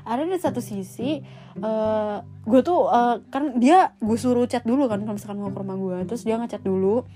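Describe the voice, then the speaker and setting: Young woman podcast host, chatty and slangy, mellow tone. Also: a little high, normal speed. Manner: slangy, chatty, swears often. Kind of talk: casual storytelling podcast. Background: faint guitar music.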